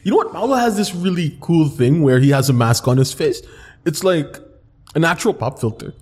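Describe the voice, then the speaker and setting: A man's voice: fairly high pitch, expressive, a little fast, darkish tone, husky. A man hosting a casual group chat on a podcast. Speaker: podcast host. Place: co-working space, indoors.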